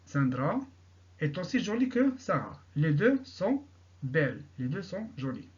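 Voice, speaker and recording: A man teaching an English grammar lesson, repeating each example sentence slowly and answering his own questions. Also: on the high side, big pitch swings, dull audio.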